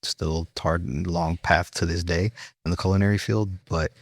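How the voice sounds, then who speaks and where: Man, New York accent, chef guest, very deep voice, earnest storytelling, dry studio sound. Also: steady tone, moderate pace, vocal fry, no echo. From Brooklyn. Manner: reflective, earnest, frequent fillers and restarts. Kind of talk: storytelling interview.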